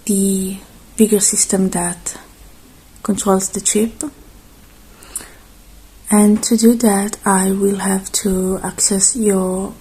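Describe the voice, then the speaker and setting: In a low-quality recording, a woman with a husky, medium-pitched voice does a soft-spoken ASMR roleplay. She moves in and out of whispers, speaking reassuringly in brief, halting bits.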